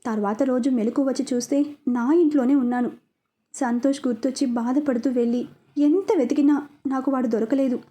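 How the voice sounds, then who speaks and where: A woman telling a first-person story in a scripted, emotive style. Her voice is high and mellow, with a steady storytelling pace.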